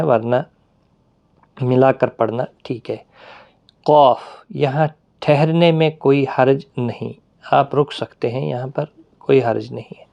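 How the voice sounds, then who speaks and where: A man teaching a Quran reading lesson, explaining patiently with pauses and drawn-out fillers. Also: medium pitch, vocal fry, darkish tone, highs cut off.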